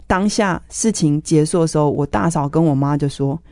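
A woman with a fairly low, dark and mellow voice shares her faith testimony in an interview. She tells it earnestly, with strong emotion running under her words. The sound is close and dry. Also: moderate pace, dry recording. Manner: earnest, emotional retelling of family conflict. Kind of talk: personal testimony storytelling.

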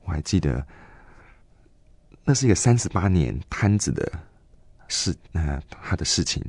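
A man in his twenties telling a personal faith story in an interview, earnest and halting, with many fillers and restarts. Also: low-pitched, very animated, a little mellow, husky, dry recording. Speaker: guest giving a faith testimony.

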